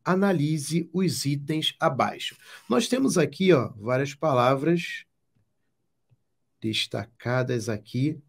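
A man's voice: on the high side, lively intonation, takes it slowly, creaky. A Brazilian man teaching Portuguese exam prep, explaining step by step with emphatic, repeated catchphrases. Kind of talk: exam-prep lesson at a whiteboard.

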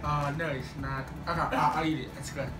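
A man's voice: a little high, fairly even intonation, fairly quick. A young man bantering casually during an eating challenge, talking with his lips stretched wide by a mouth retractor so his consonants slur. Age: young adult. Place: indoor room at a table. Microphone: distant camera. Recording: echoey room, distant mic, noisy background.

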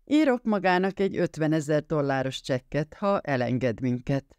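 A man voicing a wealthy older film producer who tries to buy his way out with calm, placating offers. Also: a little high, clean tone, no echo, studio quality, lightly acted. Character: rich older male producer, bargaining nervously.

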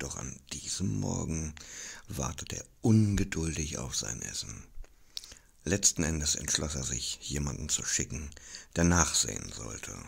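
A man reading a fantasy novel aloud as a dramatic audiobook narration, expressive and dropping into whispers at tense moments. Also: very deep voice, vocal fry, husky. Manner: expressive, drops to whispers for tension. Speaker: audiobook reader.

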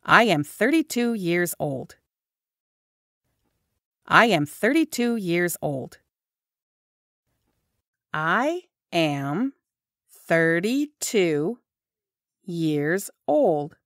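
A woman's voice: on the low side, sing-song, extremely slow, pauses often, a bit bright, no echo, studio quality. A woman teaching English phrases, saying each one whole, then word by word. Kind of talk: slow repeated phrase drilling.

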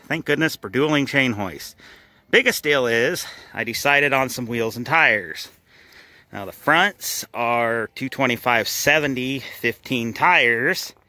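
A man's voice: medium pitch, pushed and bright, dry recording. Folksy man in his garage. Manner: folksy, rambling, addresses viewers as y'all. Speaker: car restoration vlogger. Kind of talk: casual garage walkthrough.

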